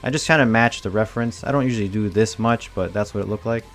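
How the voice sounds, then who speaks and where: A cosplay prop maker in his thirties narrates a casual tutorial voice-over from his indoor home workshop, with faint music underneath. His fairly low voice moves fast as he explains each craft step in a relaxed, plain, matter-of-fact way.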